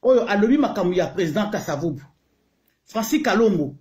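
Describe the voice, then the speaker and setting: A man's voice: high-pitched, expressive, brisk, darkish tone. A Congolese man hosting a casual live stream, greeting viewers one by one in a heated, repetitive way. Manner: mixes French and Lingala, heated. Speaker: livestream host.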